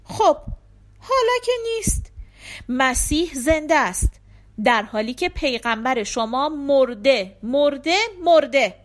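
A woman voicing a combative male priest in an audiobook, answering with sharp, insistent retorts. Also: high voice, expressive.

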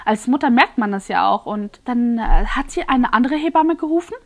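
A woman guest on a podcast telling a personal story in an earnest, emotionally charged way, halting with fillers and restarts. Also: a little high, lively intonation.

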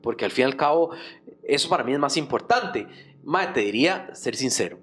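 A man with a Costa Rican accent, a guest musician talking in a relaxed, slangy and animated way in a casual conversation. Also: mid-range voice, brisk, slightly rough. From Costa Rica.

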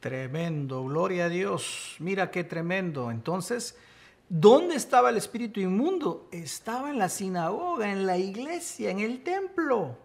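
A man's voice: high voice, expressive, a little slow, creaky. A man preaching and teaching from the Bible, emphatic, rising to exclamations. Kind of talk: sermon-style Bible teaching.

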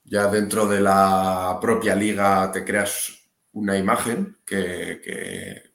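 A man with a lowish voice talks through an interview in a casual, halting way, breaking off and circling back. The room adds a noticeable echo. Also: expressive, vocal fry, a bit bright. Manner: hesitant, trails off and restarts. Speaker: basketball player, interview guest. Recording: roomy echo.

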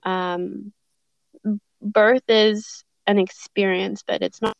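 Interview guest: woman, unhurried and hesitant, clean smooth voice, dull lo-fi recording. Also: medium pitch, little pitch movement, no echo. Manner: reflective, hesitant, many fillers and restarts. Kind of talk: podcast interview, recounting a personal story.

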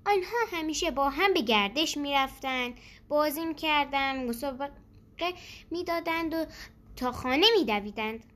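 A woman narrating a children's story in a gentle, expressive way. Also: sits high.

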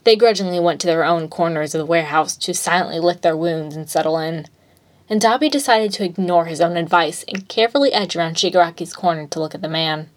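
A woman with a somewhat low voice reads fan fiction aloud. She keeps a steady, plain storytelling delivery throughout the narration. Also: fast talker.

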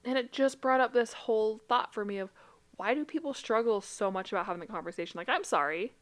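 A woman who is a licensed therapist and podcast co-host talks fast in a slightly high voice during a casual chat. She is blunt and casual, swearing and laughing often.

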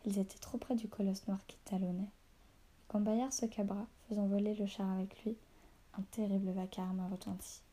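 Softly whispering woman reading a novel. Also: medium pitch, level tone, normal speed, husky. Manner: soft, half-whispered reading with small slips.

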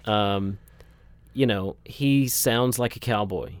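A man's voice: on the low side, takes it slowly, smooth, no echo. A man hosting a casual conversation in a wry, winding way, with plenty of fillers.

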